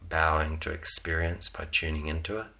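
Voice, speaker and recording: A man gently guiding a yoga class through a slow, calm relaxation with long pauses. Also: rumbling low, creaky. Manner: slow, soft, unhurried guidance with long pauses. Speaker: yoga teacher.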